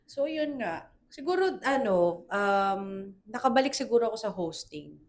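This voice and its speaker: A woman's voice: a little high, normal speed. A woman, co-hosting a podcast in casual chat and laughing often as she mixes English into her talk. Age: 30s. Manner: animated, laughing, switches between Tagalog and English. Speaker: podcast co-host. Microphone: failing microphone, speaking loudly. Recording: echoey room, distant mic, faint hiss.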